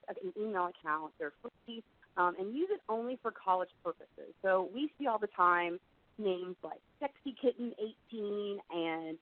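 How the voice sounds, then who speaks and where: The speaker, a middle-aged woman and admissions director, presents a webinar in a chatty, explanatory way, peppered with "you know," and her voice is a bit froggy since she's under the weather. Her pitch is medium, and the dry, narrow-band, phone-like recording has no room sound.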